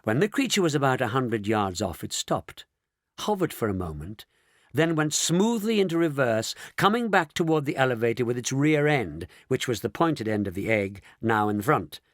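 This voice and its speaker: A man narrating a children's audiobook in an expressive, dramatic reading style. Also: mid-range voice, moderate pace, no echo, studio quality. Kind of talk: scripted storybook narration.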